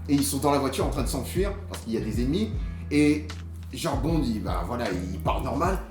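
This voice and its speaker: A man chatting casually about a film, animated and quick to laugh. He jumps up into a high mocking voice to quote lines. His voice rings in an echoey room, with music playing behind. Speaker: film reviewer. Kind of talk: casual chat.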